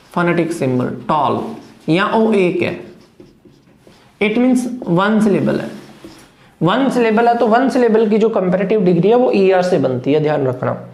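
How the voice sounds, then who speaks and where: A teacher walks through a phonetics lesson at an unhurried, deliberate pace. They pose a question, answer it themselves, and keep checking that the class is following. The voice carries around a roomy, echoing space. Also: medium pitch, darkish tone. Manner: asks questions and answers them, checks understanding often. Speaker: English teacher. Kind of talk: classroom lesson on phonetics, mixing Hindi and English. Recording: echoey room.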